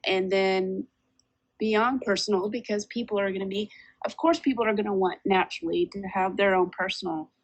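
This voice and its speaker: A podcast co-host with a mid-range voice talks reflectively and meanderingly on a casual spiritual podcast, with a slight lisp caused by her retainer. The audio quality is poor.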